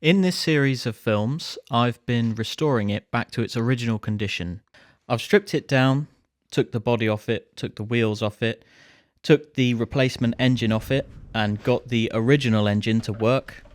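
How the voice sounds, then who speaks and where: The recording is dry and studio-quality: a British restoration-series host in his thirties, mid-range voice at a normal speed, chatting in an understated way with casual asides. He works in a barn workshop and wears a clip-on lapel mic.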